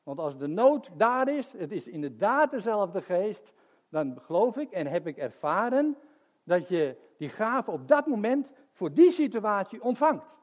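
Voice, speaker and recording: A man's voice: high-pitched, sing-song, unhurried. An older man preaching a sermon and telling stories between chuckles. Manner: chatty storytelling with chuckles.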